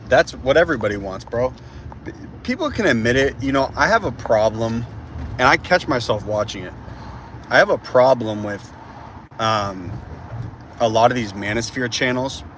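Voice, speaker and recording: A man's voice: lowish voice, a little hiss or hum. A man in his twenties streaming live while driving through a city, chatting casually and rambling. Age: 20s. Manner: rambling, animated, says bro a lot. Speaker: livestreamer. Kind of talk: casual livestream chat.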